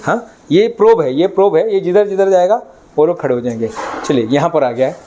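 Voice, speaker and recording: Energetic man coaching a sales audience. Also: fairly high pitch, fairly quick, a little hiss or hum. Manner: energetic, coaxes the audience into chanting. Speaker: sales trainer. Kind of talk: live training session. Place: training hall with an audience.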